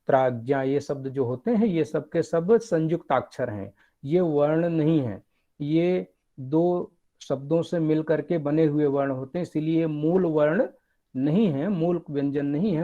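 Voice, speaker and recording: A man giving a lecture, explaining step by step with animated emphasis. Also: fairly high pitch, measured pace, phone-quality sound. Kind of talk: academic lecture.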